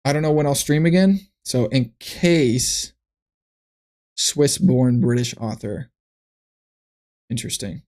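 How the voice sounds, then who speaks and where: A man's voice: medium pitch, slow, long pauses, a little mellow. A man streaming from his computer, thinking aloud in a loose, rambling way with frequent restarts as he chats to viewers. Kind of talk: casual livestream chat.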